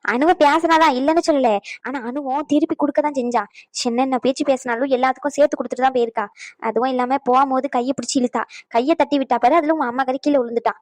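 A woman's voice: high voice, fairly even intonation, fast, darkish tone, no echo, lightly acted. A woman voicing a fussy, meddling but kind elderly grandmother in a cartoon, nagging and chatty. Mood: gossiping. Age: older. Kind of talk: cartoon voice acting.

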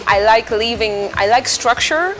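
Speaking from a dim indoor restaurant or bar over soft background music, this musician in her thirties has a Greek accent and a fairly high, expressive voice. She goes a little slowly, pondering interview questions with many fillers and restarts. The recording is rough.

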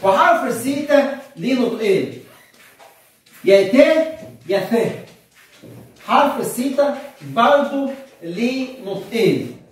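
A monk priest with an Egyptian accent teaching a beginner language lesson. He asks his class questions, answers them himself, and spells words out slowly, syllable by syllable. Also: very high voice, sing-song. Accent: Egyptian Arabic. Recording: very echoey room, far from the mic.

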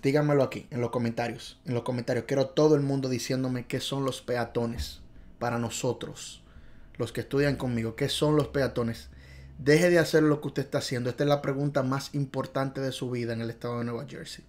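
A man's voice: mid-range voice, steady tone, a little fast, a little mellow. Exuberant man teaching driving theory. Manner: exuberant, playful, repetitive. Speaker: driving test tutor. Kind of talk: video lesson.

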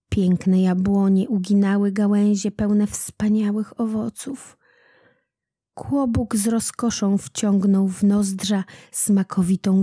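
A woman reading a children's legend aloud, taking each phrase slowly and deliberately. Her voice is mellow and soft-edged. The recording is dry and close, with no room echo. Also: mid-range voice, breathy edge. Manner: slow, deliberate storytelling. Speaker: narrator, audiobook reader.

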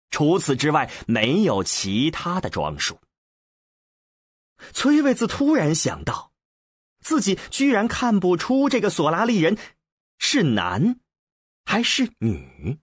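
A male narrator tells the story in a deliberate, expressive storytelling style. His pitch rises and falls dramatically while the pace stays unhurried. The voice has a husky grain and sounds dry and close. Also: no echo. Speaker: audiobook narrator.

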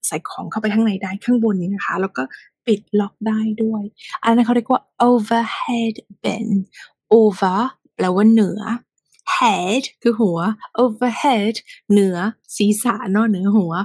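A woman's voice: on the high side, steady tone, measured pace, a little mellow, husky, dry recording. A woman teaching English pronunciation, repeating phrases over and over, often half-whispered, and teasing her students directly.

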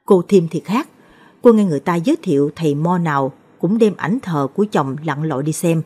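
Low, husky woman storyteller. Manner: steady, measured reading. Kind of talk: scripted narration of a ghost story.

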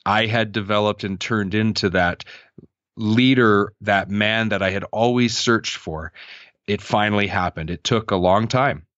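A man's voice: on the low side, measured pace, a bit bright, no echo, muffled recording. A man in his thirties answering interview questions in an earnest, reflective way, often restarting his sentences. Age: 30s. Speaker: podcast guest.

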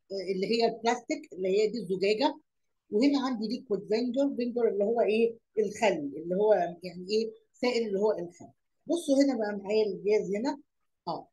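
A woman with an Egyptian Arabic accent teaches young pupils, repeating words, asking questions aloud and mixing English lesson words into her Arabic explanations. Her mid-range voice is a little mellow. The audio is poor, with slight background noise.

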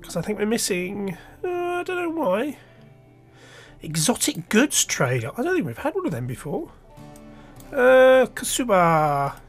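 A let's play host with a cold talks casually through his game, thinking aloud and restarting his sentences. His stuffy nose makes his high voice slightly nasal, and he speaks a little slowly with huge pitch swings. Faint music plays behind him.

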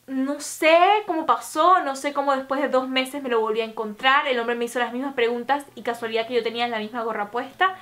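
A young adult woman telling a personal story to her viewers in a vlog, talking quickly and filling her sentences with little connecting fillers. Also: high voice, a bit bright. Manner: fast storytelling with many fillers. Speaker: YouTuber.

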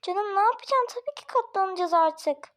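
A woman voicing a gentle, hesitant mother in a homemade family drama, talking with small stumbles. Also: very high-pitched, animated, fairly quick. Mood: worried. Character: soft-spoken hesitant young mother.

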